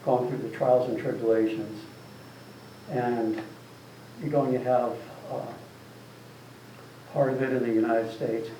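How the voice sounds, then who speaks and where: A man with a mellow, mid-range voice speaks casually as an author at a meeting, rambling and leaning on "you know" again and again. His intonation is fairly even and his pace unhurried, with frequent pauses. The mic sits at a distance in an echoey room, and some noise comes through.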